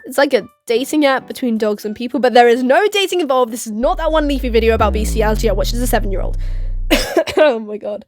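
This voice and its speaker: A woman's voice: on the high side, lively intonation, quick pace, faint music behind. Sarcastic young woman rambling through a recap. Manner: sarcastic, rambling, giggly asides. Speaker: YouTube commentator. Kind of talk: casual commentary vlog.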